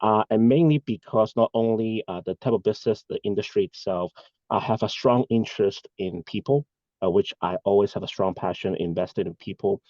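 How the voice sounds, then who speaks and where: A man's voice: lowish voice, brisk, dark tone, no room sound, dull audio. A man, giving earnest, rambling answers as an interview guest over a video call. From Hong Kong. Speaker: guest, bank executive. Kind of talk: casual interview talk.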